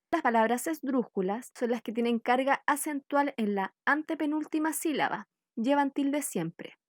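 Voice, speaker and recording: A woman from Chile giving a scripted spelling lesson, reading out example words one by one in a slow, deliberate way. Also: fairly high pitch, dry recording, studio quality. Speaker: workshop teacher.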